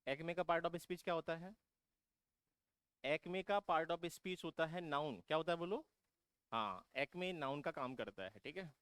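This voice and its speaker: In an exam vocabulary lesson, a man with a fairly high, smooth and slightly bright voice drills his points over and over at a measured pace. He keeps posing questions to the students he calls "beta" and then answers them himself, with no room sound in the recording.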